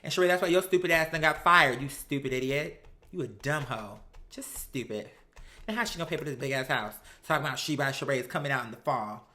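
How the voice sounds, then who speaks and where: Talking fast in a very deep voice, this American host of a reality TV commentary show gives sassy, profane, slang-heavy takes in her recap. She's animated and blunt, even acting out dialogue she imagines.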